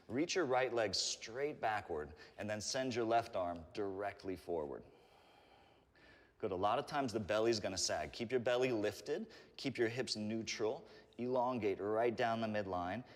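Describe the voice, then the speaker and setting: Male fitness instructor, lower register, calm and encouraging cueing, recorded in a very reverberant room. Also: moderate pace. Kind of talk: guided workout instruction. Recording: reverberant room with long echo.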